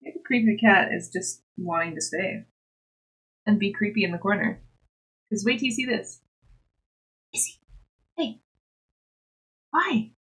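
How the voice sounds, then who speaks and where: A woman born in Scotland who grew up overseas and in the United States hosts a livestream about crafting, chatting with viewers in an informal, giggly way. Her mid-range voice is fairly bright with a breathy edge, at normal speed with frequent pauses.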